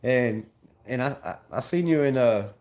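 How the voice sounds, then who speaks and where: In an animated, mid-range voice that's a little mellow, a young SoCal guy hosts a laid-back fan livestream at a normal pace. He chats in slang, reading comments from chat and saying things more than once.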